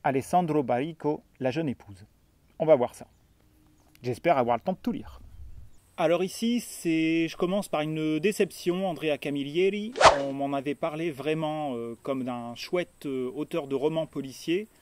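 Chatty man with a warm voice. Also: fairly high pitch, moderate pace, slight background noise. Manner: chatty, many hesitations and fillers. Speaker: book vlogger. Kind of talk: casual book review vlog. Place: holiday stay in Tuscany.

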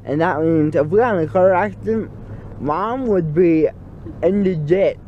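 A man's voice: high voice, a little slow. A teenage male, groggy and numb-mouthed from anesthesia, rambling goofily into a phone in a car. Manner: goofy, disjointed rambling. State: groggy and loopy from anesthesia, mouth numb after dental surgery. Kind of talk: rambling casual selfie vlog. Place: inside a moving car. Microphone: phone at arm's length. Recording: muffled phone audio with car road noise.

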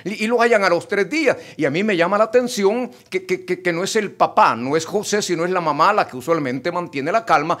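A man's voice: high voice, brisk, few pauses, fairly bright tone. A middle-aged man, preaching a sermon and addressing the congregation directly and emphatically. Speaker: pastor.

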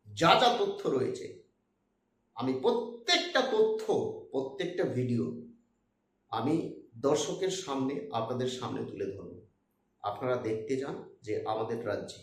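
A man's voice: on the high side, echoey room. A man giving impassioned political commentary, talking emphatically to his viewers.

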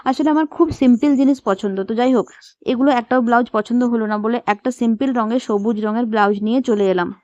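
A woman's voice: on the high side, brisk, darkish tone, dry recording, dull audio. Chatty young woman vlogging. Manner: chatty, emotional, upset in later parts. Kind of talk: casual vlog narration.

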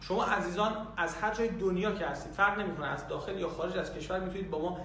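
Eager man pitching from an echoey room. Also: fairly even intonation, a bit bright, distant mic, slight background noise. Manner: eager, repeats "dear friends". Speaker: course promoter. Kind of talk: promotional pitch.

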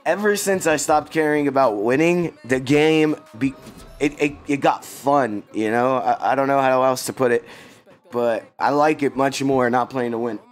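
A man's voice: mid-range voice, moderate pace, soft background music. A man streaming a game, chatting casually and slangily with his viewers in a laid-back way. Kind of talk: casual livestream chat.

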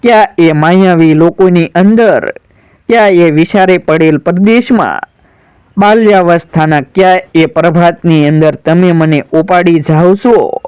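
A man's voice: high-pitched, unhurried, darkish tone, clear, resonant tone, no echo. A man storyteller voicing a grieving proud warrior son in a dramatic recitation, solemn and pleading. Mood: sorrowful.

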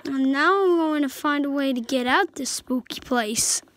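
A woman giving excitable let's play commentary over a game, yelping at scares and dropping into hushed whispers. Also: sits high, normal speed, rough recording. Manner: excitable, swings between yelps and hushed whispers. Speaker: gameplay commentator. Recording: game music playing clearly behind the voice.

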